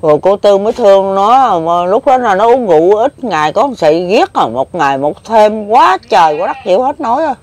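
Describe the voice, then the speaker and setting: A woman's voice: medium pitch, expressive, a little fast, hardly any pauses, a little mellow. An elderly woman in her seventies with a Southern Vietnamese Mekong Delta accent. She is the interviewee and rambles through her memories. Her speech is plain, emotional and full of repetition. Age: 70s. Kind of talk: casual rambling recollection.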